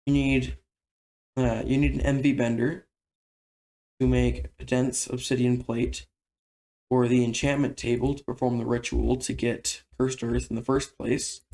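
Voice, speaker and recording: A man talks through a game tutorial in a relaxed, conversational voice-over. His mid-pitched voice has a gravelly, creaky edge. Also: a little slow.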